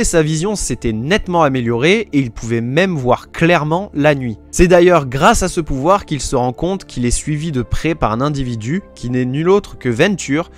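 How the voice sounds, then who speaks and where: A man hosting his channel, retelling a comic-book origin story in a casual way and tossing in slangy asides to his viewers. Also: mid-range voice. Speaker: YouTube host.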